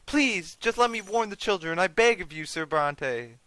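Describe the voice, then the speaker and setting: A man plays a terrified mother pleading for her children, his voice pushed high and tearful. It comes across bright and dry, close to the mic. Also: animated, normal speed, no echo.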